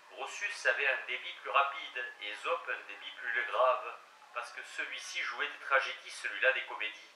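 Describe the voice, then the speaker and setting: A man reading a classic treatise aloud in a measured, formal manner. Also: medium pitch, bright, forceful tone, far from the mic, slight background noise. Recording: roomy echo, voice set back from the mic.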